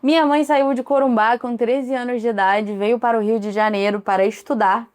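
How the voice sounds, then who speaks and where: A chatty woman in her thirties from Brazil who hosts a one-person podcast in a relaxed, conversational way. She wanders into asides and tangents, with a voice that sits somewhat high for a woman. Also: normal speed, smooth. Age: 30s. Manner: chatty, digressive, frequent asides. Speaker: podcast host. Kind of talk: casual solo podcast chat.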